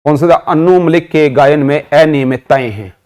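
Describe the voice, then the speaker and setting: A man's fairly high, darkish-toned voice carries a moderate pace as he teaches English vocabulary online through memory tricks. Speaking with an Indian accent, he mixes Hindi into his English and answers his own questions.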